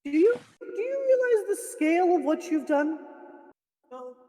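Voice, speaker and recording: A man's voice: very high-pitched, very animated, normal speed, dark tone. A man using a cathedral reverb voice mod while playing a stern mock prosecutor in an improvised trial roleplay. He stammers and repeats words as he scolds.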